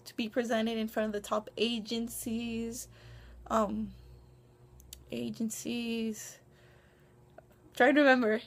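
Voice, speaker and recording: A woman's voice: on the high side, little pitch movement, normal speed, a little hiss or hum. A young woman vlogging to camera in a casual, rambling way, with many ums, restarts and self-conscious asides. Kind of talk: casual vlog monologue. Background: dog barking.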